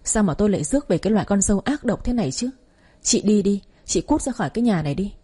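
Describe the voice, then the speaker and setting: A woman's voice: mid-range voice, lively intonation, fast talker, warm tone, husky. A woman voicing a stern older father-in-law scolding his daughter-in-law, in an audio story. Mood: stern anger.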